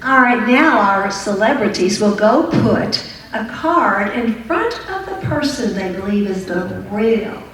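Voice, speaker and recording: A woman's voice: mid-range voice, animated, measured pace, fairly bright tone. A woman hosting an amateur game show parody as a prize announcer, presenting contestants and prizes to an audience. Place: large echoey room with audience. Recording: echoey room, distant mic, faint crowd.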